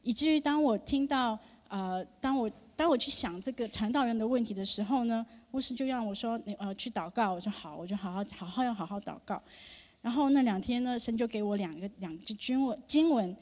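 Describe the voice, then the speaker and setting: A woman in her thirties giving a personal testimony to a church congregation, speaking earnestly with emotion and halting often with fillers. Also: a little high, darkish tone. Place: church sanctuary. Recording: long reverb of a large hall.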